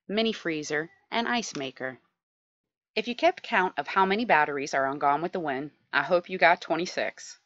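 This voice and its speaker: A woman in her thirties, a sailing vlogger, explaining her boat's power setup in a clear, informative tour-guide way from inside a cramped engine room. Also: lowish voice, fairly bright tone.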